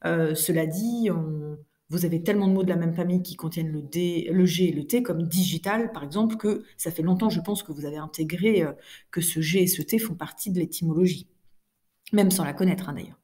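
A woman teacher records a lesson, correcting exercises for her pupils. Her voice sits a little low and sounds warm and mellow. She explains step by step, with frequent fillers and small restarts. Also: fairly quick. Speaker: French teacher.

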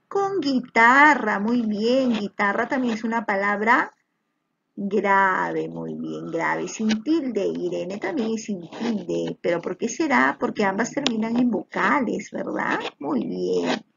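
A woman teaching young kids spelling over slides speaks in a creaky, higher voice, patiently encouraging them and addressing them as little children. As a primary teacher she often checks they follow, and the lo-fi recording has slight background noise.

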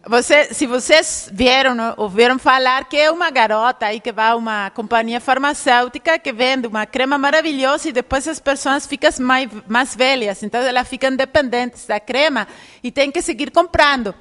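A woman's voice: high-pitched, moderate pace, a bit bright. A woman giving a public lecture, explaining step by step and often checking in with her audience. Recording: reverberant lecture hall.

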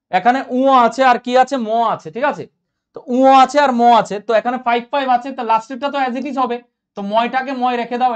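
A man's voice: very high voice, muffled recording. A man teaching a live online grammar class, repeating each point and checking that everyone understood. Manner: reads out and answers viewer comments, repeats points, asks if clear.

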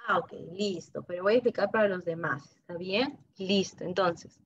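A woman English teacher, teaching an online class to young children and drilling words slowly and patiently for them to repeat. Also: fairly low pitch, slightly rough. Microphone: computer mic on a video call. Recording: muffled video-call audio.

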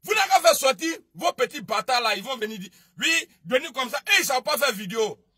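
A man with an Ivorian French accent ranting on a political livestream, scolding and shouting, then dropping to low mutters. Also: animated, fast talker, breathy edge, dry recording, studio quality. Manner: shouting, scolding, swings between loud outbursts and low muttering. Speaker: online video commentator. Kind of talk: heated political livestream rant.

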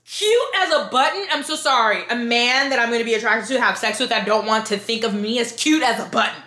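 Tipsy drunk lady ranting about a book, higher bright voice, swears a lot, roomy echo. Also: fast talker. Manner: animated, exasperated, sweary, emphatic. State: drunk, loose and rambling. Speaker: book reviewer. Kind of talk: casual rant review. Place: living room with bookshelves, indoors.

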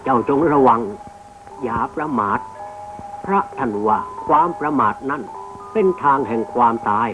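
An actor playing a kind, wise old male hermit who speaks gently to his grandson, in an old cartoon. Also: mid-range voice, moderate pace, lightly acted. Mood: fatherly. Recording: tinny old film soundtrack with music.

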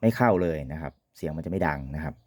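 A man's voice: extremely low pitch, quick pace, darkish tone, a little hiss or hum. A man giving an informal, polite product demonstration as an equipment reviewer, often ending phrases with courtesy particles.

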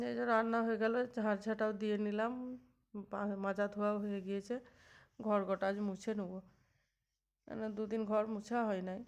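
A housewife in her thirties talks her viewers through her cooking in a casual, rambling way. Her voice sits a bit high, and she keeps up an easy, homely chatter in her own kitchen. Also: clear, resonant tone. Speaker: housewife vlogger. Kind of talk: casual cooking vlog narration. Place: home kitchen.

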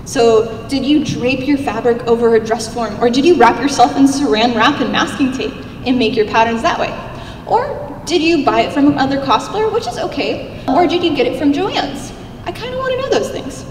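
The squeaky little voice of a young woman comes through a touch mellow as she gives an upbeat, chatty panel talk as a cosplay contest judge. She sits at a stage table in a large convention hall, using a handheld mic, while a far camera records her. The hall echoes, and there is slight background noise.

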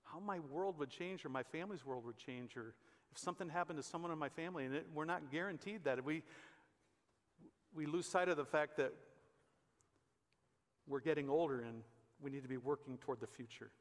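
Speaking a little high and briskly with frequent pauses, a fifties-aged American pastor delivers a conversational, emphatic sermon. He stands on the stage of a large church auditorium, and the echoey hall gives his voice a long reverb.

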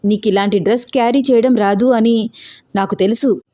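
A woman's voice: on the high side, fairly even intonation, moderate pace, dark tone, close to an everyday voice. A woman voicing a persistent young man who coaxes and pleads. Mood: defensive. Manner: coaxing, pleading. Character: young man, teasing yet caring, persistent.

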